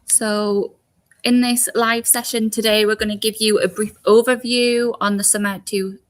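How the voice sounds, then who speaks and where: A young woman with a Geordie accent talks through a live online recruitment session. Her manner is friendly and chatty, with frequent laughs, and her pitch sits in a middle range. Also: level tone, normal speed. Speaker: service support rep and co-host. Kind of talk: live Q&A chat.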